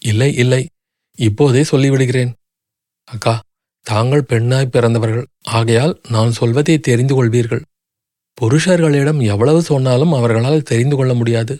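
A man's voice: mid-range voice, normal speed, warm tone, dry recording, studio quality, lightly acted. A man voicing a grief-stricken young noblewoman who pleads desperately through sobs. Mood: grieving plea.

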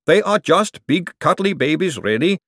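A man's voice: on the high side, sing-song, moderate pace, a bit bright, no room sound, clean studio sound, pitched above the performer's own voice. A man voicing a literal-minded female golem clerk who talks in a formal, precise way. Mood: apologetic.

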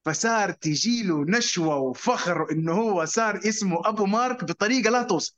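A man tells a story casually, acting out voices and mixing in English words. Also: a little fast. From Saudi Arabia. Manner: animated, acts out quoted voices with sharp pitch jumps; mixes English words into Arabic. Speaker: guest telling his story. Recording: dull lo-fi sound.

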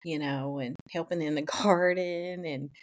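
A middle-aged woman with an Appalachian accent talks in a slightly low voice. She reminisces informally, in the conversational style of someone from Eastern Kentucky. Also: fairly even intonation, measured pace. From Eastern Kentucky, United States. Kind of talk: casual reminiscing.

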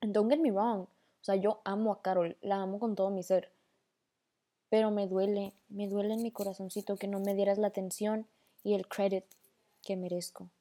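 A chatty young woman with a northern Mexican accent talks through a casual voice-memo podcast. She rambles freely, slips English slang into her sentences, and her voice sits mellow and warm at a middle pitch. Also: little pitch movement, moderate pace. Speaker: podcast host.

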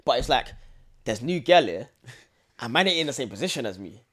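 A man's voice: mid-range voice, big pitch swings, fairly quick, fairly bright tone. A man in his twenties with a London and Essex urban British accent, chatting casually in heavy slang, insistent and repeating himself. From Essex, England. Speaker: reality show contestant, interview guest.

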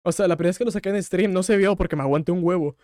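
A young Mexican man speaks in a fairly high voice, hosting his own podcast. He retells a story at length and gets openly emotional, swearing now and then. The sound is dry and close, with no room echo. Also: very fast, dark tone. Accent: Mexican Spanish. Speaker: podcast host. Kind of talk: casual solo podcast.

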